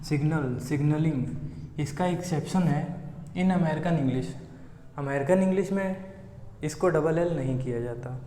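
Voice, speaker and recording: A man's fairly high, warm voice carries through an echoey, long-reverb room with slight background noise. He explains English grammar slowly and patiently, raising questions and answering them on his own.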